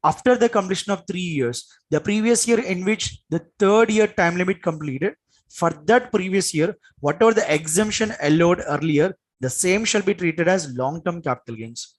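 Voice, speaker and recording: Indian guy teaching a class, pretty high voice, repeats points hard and keeps checking you follow. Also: moderate pace, rough recording. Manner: emphatic, repetitive, with frequent check-in questions. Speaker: tax lecturer, exam coach. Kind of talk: classroom lecture.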